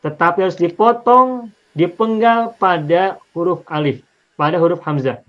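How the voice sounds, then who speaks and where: A man's voice: high voice, moderate pace, muffled recording. A man teaching an Arabic linguistics lesson on the Quran, explaining patiently step by step and repeating examples.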